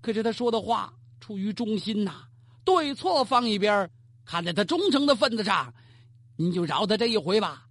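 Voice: mid-range voice, expressive, normal speed, no echo. A storyteller playing an earnest general begging for mercy. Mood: pleading. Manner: pleading, shouting.

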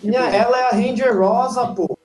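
A man chatting casually about movies, enthusiastic and quick to laugh. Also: very high-pitched, steady tone, a little mellow. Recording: echoey room with faint music.

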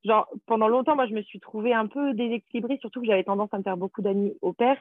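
Speaking French quickly in a fairly high voice with mostly even intonation, a woman chats casually, telling little stories and using lots of fillers. Her voice sounds thin and tinny, like it's coming over a phone line, and the audio is dry with no room echo.

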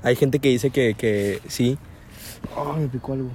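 A man's voice: mid-range voice, unhurried, darkish tone, slight background noise. A man with a Mexican accent in casual, joking chat with a friend.

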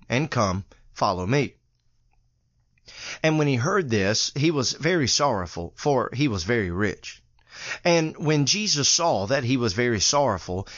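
A man reading scripture aloud in a steady, measured way. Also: medium pitch, no room sound. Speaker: Bible reader. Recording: dull lo-fi dry recording.

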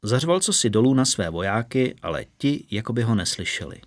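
A man's voice: mid-range voice, no echo. Man reading a fantasy audiobook. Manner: steady, measured storytelling. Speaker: narrator. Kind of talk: scripted audiobook narration.

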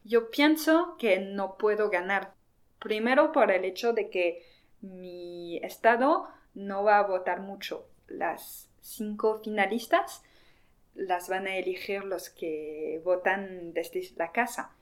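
A young woman from France telling a personal story about competing in a beauty pageant in a casual, lively way. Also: mid-range voice, slow pace. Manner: lively, quotes herself and others in acted voices. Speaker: former pageant contestant.

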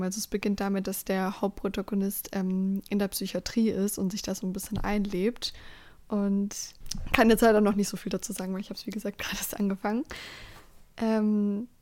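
A woman's voice: mid-range voice, a little mellow. Chatty young woman podcast co-host. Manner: chatty, laughs often, trails off with fillers. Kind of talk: casual chat.

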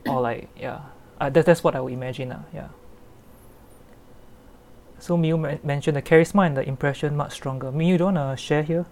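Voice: mid-range voice, a little fast, a little mellow. Jokey Singaporean host in casual chat. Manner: jokey, laughs often. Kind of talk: casual group discussion of films. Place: remote voice chat.

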